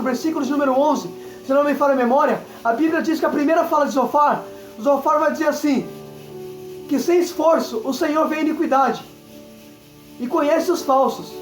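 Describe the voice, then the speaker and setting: Brazilian evangelist man, high fervent preaching voice, echoey room, soft music underneath. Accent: Brazilian Portuguese. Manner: fervent, repeats "entenda isso aqui", exclaims aleluia. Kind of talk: Pentecostal sermon. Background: faint music.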